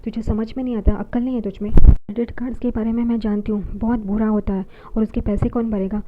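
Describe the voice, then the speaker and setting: A woman's voice: fairly high pitch, little pitch movement, fast, natural voice. A woman voicing a furious middle-aged mother who scolds her son, read plainly in an exasperated tone. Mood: scolding. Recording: tinny phone-like audio, faint hiss.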